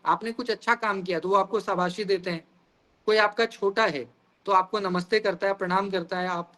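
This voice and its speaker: A male teacher delivers a lecture in a high, bright voice. He explains each idea through everyday examples and keeps turning to the class with questions. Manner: explains with everyday examples, often asks "guys".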